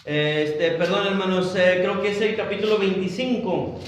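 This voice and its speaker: A man preaching a Bible study sermon as pastor, slow and halting, often restarting and turning to address his congregation. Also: sits high, steady tone. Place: church. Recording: roomy church hall, mic at a distance.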